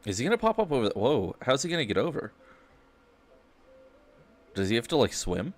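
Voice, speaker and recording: A man's voice: medium pitch, big pitch swings, brisk. A man casually commenting to himself while playing a game, offhand and muttering. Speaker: gaming streamer.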